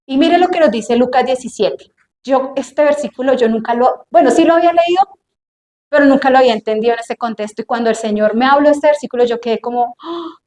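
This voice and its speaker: A woman's voice: sits high, brisk, darkish tone. A woman preaching a sermon to a congregation, emphatic and drawn out, with questions thrown to the listeners. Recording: echoey room, faint noise.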